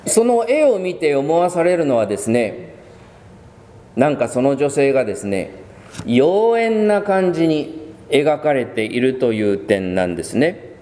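A man's voice: fairly high pitch, very animated, mellow. Man preaching a sermon in a church hall. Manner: measured, with many pauses and fillers. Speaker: pastor. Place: church sanctuary. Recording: long church reverb.

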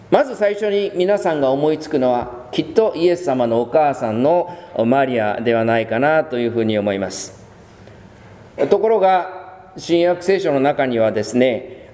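Male pastor preaching slowly, with a warm, animated delivery, in a reverberant church. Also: on the high side. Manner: measured, with many pauses and fillers. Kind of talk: sermon. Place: church sanctuary.

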